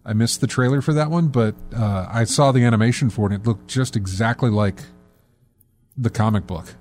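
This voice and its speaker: A man's voice: mid-range voice, brisk, a little mellow, soft background music. Rambling male gaming podcast host. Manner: rambling, self-correcting, many fillers. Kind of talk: casual gaming podcast chat.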